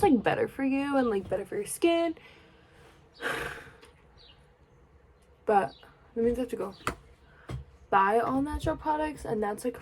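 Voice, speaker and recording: A young woman chatting casually while getting ready, sleepy and rambling, sometimes dropping to a soft murmur. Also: fairly high pitch, background noise. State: sleepy, yawning. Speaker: beauty vlogger. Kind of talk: casual get-ready-with-me chat.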